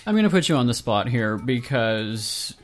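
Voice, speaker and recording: A man with a mid-range voice hosts a radio interview. He asks his questions quickly and teases his guest in a joking tone. Faint music plays underneath. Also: medium pitch, sing-song. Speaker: radio show host. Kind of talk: interview hosting.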